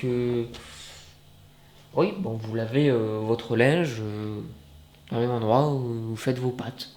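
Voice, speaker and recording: A man chatting casually as he films a tour of a holiday apartment, joking and filling pauses with hesitations. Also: medium pitch. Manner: chatty, joking, many fillers. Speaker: vlogger. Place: indoors and on a balcony.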